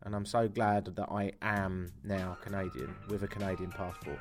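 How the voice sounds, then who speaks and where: Male radio host from England, middle-aged, lower register, expressive, dry self-mocking humor. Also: moderate pace, over music. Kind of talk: farewell radio show talk.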